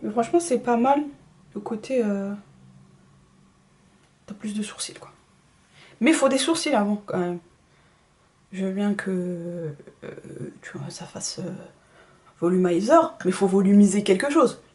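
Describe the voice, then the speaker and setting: A chatty woman walks through her makeup routine, talking straight to her viewers. She is self-deprecating and keeps sliding into quiet, half-whispered asides. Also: medium pitch, a little slow, long pauses. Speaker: beauty vlogger. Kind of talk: casual makeup tutorial chat.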